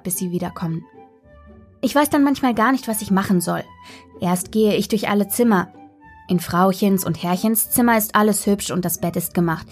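Woman, storyteller, gentle, playful, children's story read aloud, faint background music. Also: medium pitch. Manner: gentle, playful first-person narration as a dog.

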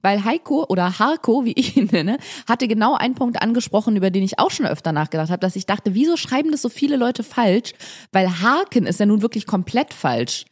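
A woman co-hosting a casual podcast, animated and chatty as she reads out listener mail. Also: on the high side, brisk, breathy edge. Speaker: podcast co-host. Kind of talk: casual chat.

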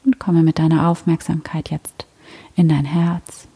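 Slow, breathy woman guiding a soothing meditation. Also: deep voice, little pitch movement. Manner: gentle, hushed, breathy, with long pauses. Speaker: guided meditation leader. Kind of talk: slow soothing guided meditation, like a sleep story narrator. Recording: long hall-like reverb.

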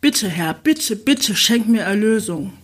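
A woman's voice: medium pitch, animated, slow pace, breathy edge. A woman voicing a breathless young woman who begs in gasps, in an audiobook. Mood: pleading.

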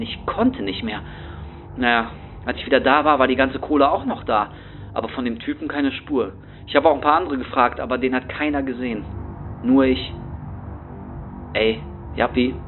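A man's voice: mid-range voice, lightly acted. A man playing a rattled young homeless man who rambles anxiously in street slang, as a first-person horror story monologue. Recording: tinny phone-like sound.

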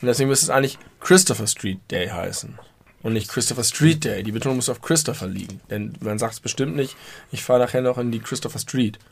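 A man with a gravelly, creaky edge to his voice, chatting casually as a podcast co-host. He jokes around and picks at how words are stressed, at a middle pitch. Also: fast talker. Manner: joking, nitpicky about word stress. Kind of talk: casual chat.

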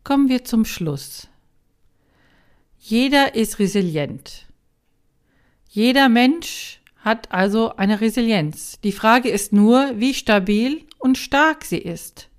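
A woman's voice: on the high side, animated. A woman coach hosting her own podcast, reading a prepared monologue and speaking directly to the listener with many questions. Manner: slow, measured, addresses the listener directly with questions.

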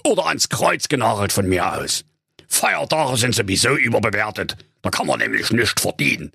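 A cranky old miser snaps and grumbles in a raised, gravelly, raspy voice, as a man puts him on. He sounds close and dry, like a comic storybook reading. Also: very high voice, very animated, a little slow, pushed and bright, no echo, voice pushed up, full character voice. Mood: grumpy. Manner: grumbling, cursing, snappish. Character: grumpy stingy old male junkyard owner.

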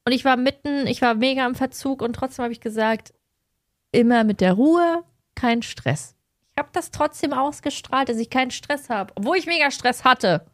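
A young woman, co-hosting a podcast, telling stories in a lively way and acting out the people in them. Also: sits high, moderate pace, dry recording, clean studio sound. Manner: lively storytelling, acts out quoted people. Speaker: podcast co-host. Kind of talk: casual chat.

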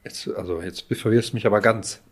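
Speaking fairly quickly in a lowish voice, a man plays a guessing game with a friend. He thinks aloud, hesitating with fillers and laughing as they chat casually.

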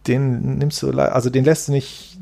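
A man in his forties talks as a guest from his tattoo shop. His voice is gravelly, with a rough edge of fry, and his pitch sits at a middle height. He rambles in a laid-back way, tagging sentences with a quick question and casual swearing. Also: flat delivery, warm tone. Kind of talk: casual interview chat.

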